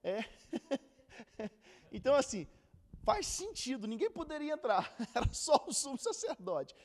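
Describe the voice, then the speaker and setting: A man's voice: very high voice, a little slow. A man giving a casual, chatty Bible lesson, acting out quotes. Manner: chatty and animated, acts out quotes with laughter. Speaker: Bible teacher.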